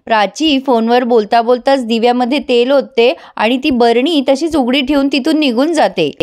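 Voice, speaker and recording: High-voiced woman retelling a TV episode. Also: darkish tone. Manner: brisk storytelling, voicing each character. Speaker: TV serial reviewer.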